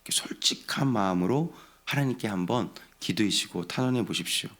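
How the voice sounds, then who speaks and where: A man's voice: fairly low pitch, animated, brisk. A middle-aged man preaching an early-morning sermon as pastor, earnestly acting out heartfelt prayers with a raised voice.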